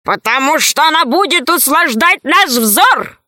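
A woman's voice: high-pitched, lively intonation, measured pace, sharp tone, no echo, studio quality, voice pushed up, heavily acted. A woman voicing a scheming male priest who runs a trial and gives orders in a storybook reading. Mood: commanding. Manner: commanding, sly.

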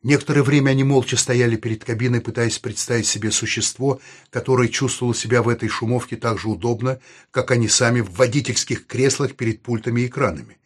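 A man reads an audiobook in a steady, even storytelling voice. His tone is husky and slightly breathy. He sits at an ordinary middle pitch for a man. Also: fast talker. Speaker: narrator. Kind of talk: audiobook narration.

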